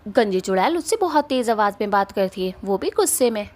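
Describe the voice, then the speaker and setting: A woman narrating a cartoon story in a plain, steady tone. Her voice sits at a middle pitch and she keeps an even storytelling pace. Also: a little fast.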